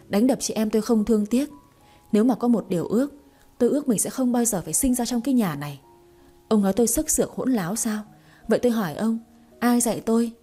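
A woman voicing a defiant younger sister in an audio story, accusing her father in a fast, fierce outpouring. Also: medium pitch, mellow, breathy edge.

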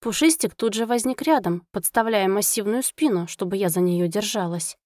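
A woman narrating a first-person fantasy audiobook in an expressive storytelling manner, close to the mic. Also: mid-range voice, moderate pace, dry recording.

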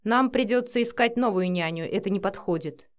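A woman's voice: mid-range voice, brisk, close to an everyday voice. A woman voicing a short-tempered adult father in an audiobook, speaking curtly and giving orders. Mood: horrified. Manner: curt, commanding, flares into shouting. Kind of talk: audiobook character voice.

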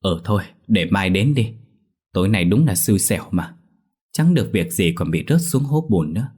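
A man voicing a gruff old grandfather who digs up graves, bossy and cursing, in a spoken ghost story. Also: on the low side, expressive, normal speed, a little mellow. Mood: grumbling. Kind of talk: audiobook character voice.

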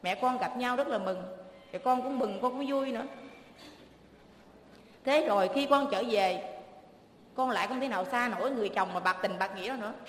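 A woman's voice: a little high, normal speed, long pauses, slight background noise. A middle-aged woman with a Southern Vietnamese accent, telling her own life story in an emotional, pleading rush of words. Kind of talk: emotional personal testimony. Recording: echoey hall with faint ambience.

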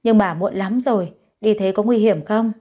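A woman's voice: medium pitch, moderate pace, dark tone, lightly acted. A woman voicing a worried older stepmother in an audio story, fussing anxiously.

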